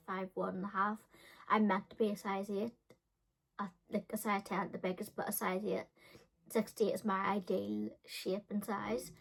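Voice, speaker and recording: A beauty and storytime vlogger in her early thirties casually tells viewers a personal story, rambling, often correcting herself and using lots of fillers. Her voice is medium-pitched and creaky, and the recording is rough.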